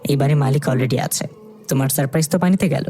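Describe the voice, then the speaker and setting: A narrator voicing a sharp-tongued young woman who teases and mocks her rival. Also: mid-range voice, fast, soft background music, voice pushed down, natural voice. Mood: mocking. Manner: teasing, mocking.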